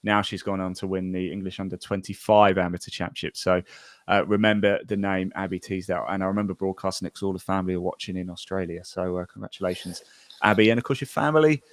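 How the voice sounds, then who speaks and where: A man hosts a golf podcast in a loose, chatty way. He rambles and restarts often as he reads through the results. His voice sits fairly low and sounds dry and close to the mic. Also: steady tone, fast, dry recording. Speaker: podcast host. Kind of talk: casual podcast chat reading golf news.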